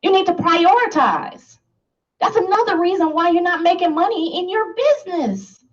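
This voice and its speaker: A woman's voice: very high-pitched, normal speed, distant mic, muffled recording. A woman giving an emphatic motivational talk to a live audience, laughing and asking the listeners questions. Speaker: motivational speaker.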